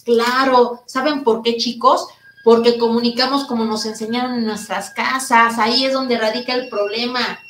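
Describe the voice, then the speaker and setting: A woman therapist and speaker answering audience questions in a live online talk, speaking loudly and emphatically and asking her listeners questions. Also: a little high, fairly even intonation, moderate pace, roomy sound, slight background noise, low-quality recording. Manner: addresses listeners directly with rhetorical questions.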